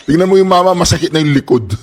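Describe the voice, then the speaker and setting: A man with a Filipino accent giving sarcastic commentary over rally footage, laughing often and loudly. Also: sits high, slight background noise. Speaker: political commentary host.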